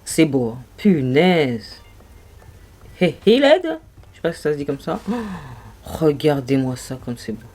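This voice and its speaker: A woman's voice: sits low, very animated, takes it slowly, pauses often, darkish tone, faint music behind. Gushing young French woman swatching makeup. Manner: gushing, exclamatory, marvelling aloud. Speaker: beauty vlogger. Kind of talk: casual makeup swatch commentary.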